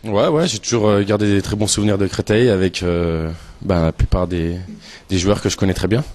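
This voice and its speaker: Low-voiced young footballer. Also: male voice, brisk, darkish tone. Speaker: football player. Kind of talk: casual pre-match interview.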